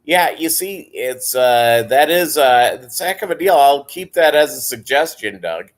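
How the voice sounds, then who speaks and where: A man with a deep Southern American accent chatting casually as a livestream host, rambling and halting as he talks to viewers. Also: expressive. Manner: rambling, halting delivery, reading and answering viewer comments. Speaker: live stream host.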